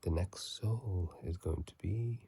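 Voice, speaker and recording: Close to a phone microphone, a man hosting a gaming ASMR video speaks in a husky, breathy murmur that often drops to a whisper. His very deep, dark voice moves slowly and soothingly, unhurried, with repeated phrases.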